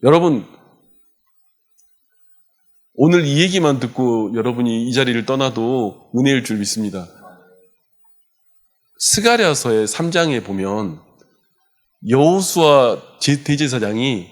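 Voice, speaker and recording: A male pastor preaching a sermon in a church, with impassioned delivery that swings from loud urgency to hushed softness. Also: mid-range voice. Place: church sanctuary.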